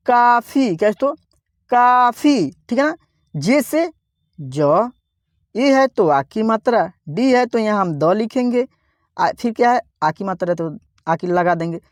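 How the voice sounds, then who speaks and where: A man's voice: high-pitched, no room sound. Dry-voiced man drilling spelling. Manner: drills each word, repeatedly asks the viewers to repeat; teaches word by word, repeating each word. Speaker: online English reading teacher. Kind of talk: slow spelling-out lesson.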